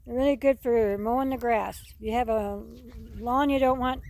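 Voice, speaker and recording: Out on a rural farm under a tree, a woman films her own geese and ducks for a casual, rambling vlog, folksy and often repeating her phrases. Her voice is on the high side, steady and darkish at a moderate pace. Geese and bird calls fill the background, and the outdoor recording has clicks and birds.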